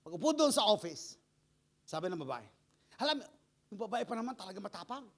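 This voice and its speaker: A man's voice: sits high, sing-song, a little fast. A man preaching a live church sermon, telling stories in a playful way and laughing often. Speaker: pastor.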